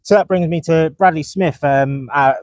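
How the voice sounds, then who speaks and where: A man's voice: on the high side, normal speed, darkish tone, no room sound. A man co-hosting a podcast, chatting casually about motorcycle racing and reading from his notes. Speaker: podcast co-host. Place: motorcycle dealership event.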